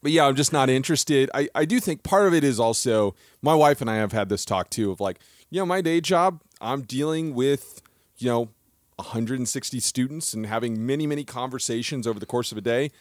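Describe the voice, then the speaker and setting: A man co-hosting a podcast, talking in a lively, animated way and often laughing at his own jokes. His voice sits in an ordinary middle pitch. The recording is close and dry, with no room sound. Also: fairly quick, dry recording. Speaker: podcast co-host. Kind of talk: casual podcast chat.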